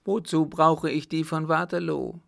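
A man voicing a shrill, raving mad baron. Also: steady tone, measured pace, vocal fry. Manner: shrill, wailing, anguished outbursts. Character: raving, tormented mad young baron, male.

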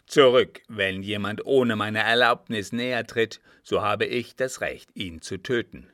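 A proud desert sheik barks his words, loud, harsh and threatening, as a male storyteller puts him on. The voice sits low and the sound is close and dry. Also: unhurried, dry recording. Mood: angry, scornful.

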